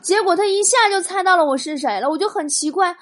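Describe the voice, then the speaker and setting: Woman with a high voice doing comedy storytelling, teasing chatty asides. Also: quick pace. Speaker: host reading funny stories.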